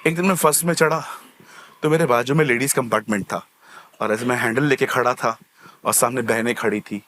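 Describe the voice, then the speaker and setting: In a dry recording, a man with a medium-pitched voice preaches briskly from the pulpit. He's an animated pastor giving a lively sermon, mimicking everyday folks in little skits and mixing in English words.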